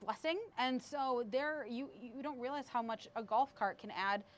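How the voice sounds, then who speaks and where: A woman's voice: fairly high pitch, moderate pace, slight background noise. A woman hosting a local TV show, chatting casually and rambling, with frequent laughs. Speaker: TV show host previewing segments. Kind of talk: casual on-air chat.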